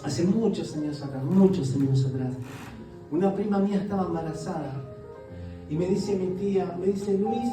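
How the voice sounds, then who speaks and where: A man's voice: high voice, normal speed, over music. A male guest pastor, preaching a sermon full of rhetorical questions and acted-out quotes. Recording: echoey church hall, voice from a distance.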